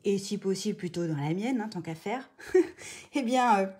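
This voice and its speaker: A woman hosting a live craft tutorial, chatting casually, greeting viewers by name and filling pauses with hesitations. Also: medium pitch, animated, darkish tone. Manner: chatty, greets viewers by name mid-sentence, many fillers.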